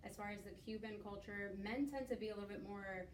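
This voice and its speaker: Leading a conversation for a class presentation, a hesitant young Miami woman fills her speech with fillers. She talks fairly quickly at a medium pitch with fairly even intonation, recorded from a distance in an echoing skills lab room with faint noise.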